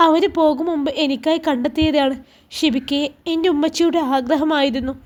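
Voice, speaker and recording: A woman's voice: high-pitched, steady tone, a little fast, darkish tone, close to an everyday voice. A woman voicing a heartbroken, tearful young woman student, speaking with a Malabar Malayalam accent and a pleading, trembling manner. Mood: sorrowful. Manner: sad, pleading, trembling lips.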